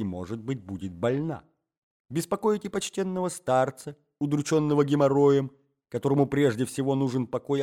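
A man playing a young man who scolds in a curt, hushed voice and lectures sternly. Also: lowish voice, voice pushed up, lightly acted.

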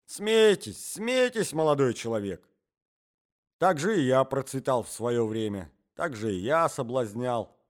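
A man's voice: mid-range voice, expressive, measured pace, pitched above the performer's own voice, close to an everyday voice. A man voicing a jealous middle-aged man who pleads and laments in an agitated way. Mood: lamenting.

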